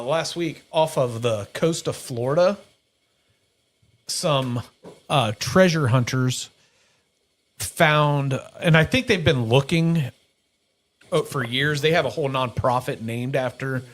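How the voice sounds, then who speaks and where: A man's voice: medium pitch, fairly bright tone. A middle-aged man hosting a casual podcast, rambling and correcting himself, with easy laughs. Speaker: podcast host. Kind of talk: casual chat.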